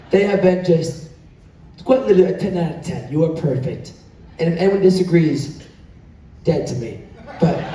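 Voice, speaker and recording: A man's voice: a little high, dark tone. A man working as an upbeat cruise director, hosting a live couples game show in a teasing showman's manner. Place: large indoor show venue on a cruise ship. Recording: echoey hall, distant, faint background noise.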